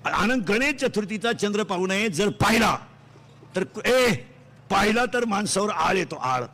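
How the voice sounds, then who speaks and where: Loud, high-voiced comic preacher. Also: male voice, lively intonation. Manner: loud, declaiming, quizzing the crowd for quick answers. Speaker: kirtan preacher. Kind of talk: comic devotional sermon. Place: festival pandal stage. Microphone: stage microphone.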